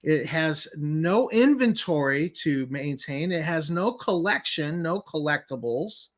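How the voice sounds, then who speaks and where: A man with a moderately high-pitched voice talks through a document in an informal commentary style. He stresses and repeats key points. His tone is skeptical and incredulous. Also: animated, measured pace. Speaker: commentator host.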